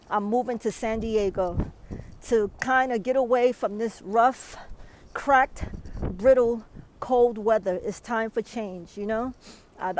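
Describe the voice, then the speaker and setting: A woman's voice: on the high side, a little hiss or hum, poor audio. Breathless New woman vlogging in snow. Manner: repeats "okay?", emphatic advice. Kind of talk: outdoor weather vlog. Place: outdoors in a snowstorm.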